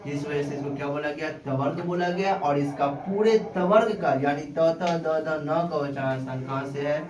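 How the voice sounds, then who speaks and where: A man teaching a grammar lesson in a classroom, his voice a little high. He keeps asking questions and answers them himself. The room is echoey, and noise is clearly heard behind him. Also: normal speed.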